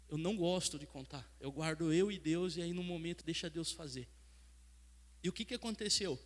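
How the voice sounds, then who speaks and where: A man in his thirties preaches to a congregation, recounting his own story and voicing each person in it. His voice sits somewhat high, and the sound rings with the long reverb of a church hall. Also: a little fast. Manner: storytelling, acts out dialogue. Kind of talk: sermon testimony. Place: church sanctuary.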